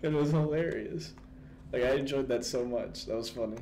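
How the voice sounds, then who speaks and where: A man's voice: mid-range voice, normal speed, darkish tone, slight background noise. A young man chatting casually about a game, rambling with lots of fillers and laughing often. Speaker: gaming video host. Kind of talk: casual gaming chat.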